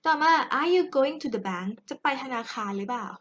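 A woman with a Thai accent, teaching English grammar in a chatty, big-sister way and reading the English examples slowly. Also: a little high, expressive, muffled recording, slight background noise. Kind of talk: explaining grammar exercises to students.

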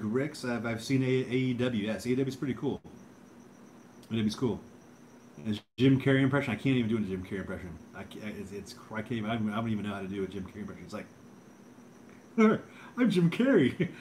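A young man hosts a casual livestream, answering viewer comments. He talks in a hesitant, self-deprecating mumble with many restarts, at a middle pitch with a faint hum behind him. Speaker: livestream host.

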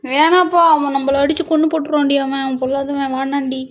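Tamil-accented woman narrating her cats in a sing-song voice, high and excitable, mock panic and cooing. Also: quick pace, slight background noise. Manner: doting, sing-song, teasing, mock alarm. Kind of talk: playful baby-talk commentary to pets.

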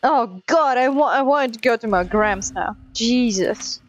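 A woman's voice: fairly high pitch, unhurried, a little hiss or hum. A woman streaming a game, chatting casually with a playful, giggly, teasing manner. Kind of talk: casual gameplay chat.

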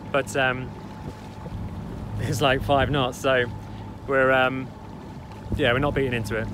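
A young man vlogging from a sailboat at sea, easygoing and relaxed, laughing lightly as he talks. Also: medium pitch. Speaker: sailing vlogger. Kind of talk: casual vlog narration. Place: on a sailboat deck at sea, outdoors. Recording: outdoor wind and engine noise. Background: boat engine and water.

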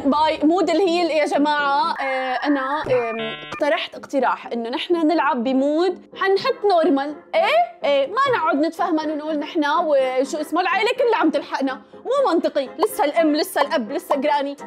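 A young woman rattles through her let's-play at high speed, her voice sitting very high and swinging wildly. She is dramatic, yelping and muttering oaths as she plays. Game music plays clearly behind her. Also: lively intonation, fast talker. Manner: dramatic, shrieks and mutters oaths while playing. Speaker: gaming YouTuber. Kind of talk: excitable let's-play commentary.

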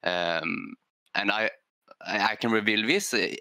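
Low, crisp-voiced man, musing with fillers. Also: measured pace, pushed and bright, dry recording. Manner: thoughtful, hesitant, with many fillers and "right?" tags. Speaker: esports player on a structured team. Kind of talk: panel discussion on a gaming show.

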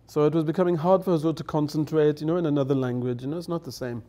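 Rapid-fire and warm, a slightly high male voice with fairly even intonation belongs to a middle-aged guest elder, a native English speaker. He sits at a table on a studio set with dark curtains, chatting through anecdotes, laughing and acting out what people said.

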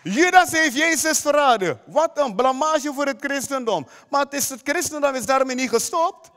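A man's voice: very high-pitched, expressive, moderate pace, a bit bright, in a large hall, some chatter behind. A man preaching a sermon as pastor, emphatic, often putting direct questions to the congregation. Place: church hall.

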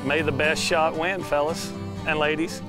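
A man with a slightly high speaking voice hosts a relaxed farm show outdoors, cracking jokes and laughing often. Country music plays clearly under his voice. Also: normal speed. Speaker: host. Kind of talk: casual chat.

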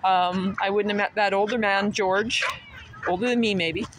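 A woman's voice: medium pitch, steady tone, normal speed, slight background noise, poor audio. A woman in her sixties rambling outdoors, laughing often and chatting to her dogs. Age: 60s. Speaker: vlogger talking to children.

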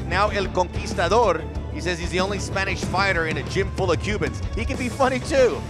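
A man giving live sports commentary as the lead commentator at a fight. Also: high-pitched.

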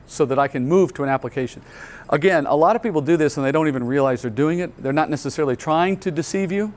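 A male pastor giving a Bible teaching at a conference, explaining earnestly step by step and asking rhetorical questions. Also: fairly high pitch. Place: conference hall.

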